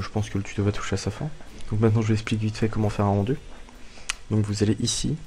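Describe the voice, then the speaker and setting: A man giving a casual software tutorial, thinking aloud as he works and talking straight to viewers. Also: fairly low pitch, gravelly, slight background noise, rough recording. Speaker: tutorial maker.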